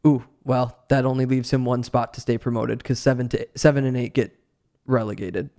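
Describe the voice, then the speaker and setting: Smooth-voiced podcast host man. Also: mid-range voice, steady tone, normal speed, dark tone. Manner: thinks aloud with restarts, breaks into laughter. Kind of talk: casual chat.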